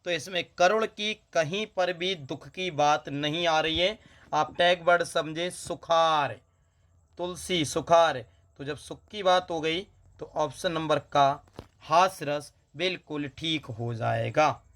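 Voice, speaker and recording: A man teaching exam preparation, calling students "beta", ruling out options one by one and reciting verse slowly with repeated key words. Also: on the high side, fairly bright tone. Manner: addresses students as "beta", drills by elimination. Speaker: Hindi grammar teacher. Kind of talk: exam-prep lesson.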